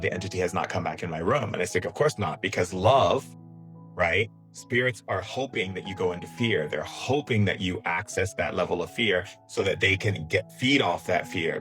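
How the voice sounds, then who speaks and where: A man with a fairly low voice talks as a spiritual coach on a live stream. He is conversational and often tags his points with a questioning "right?" Faint music plays behind him. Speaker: host, spiritual healer.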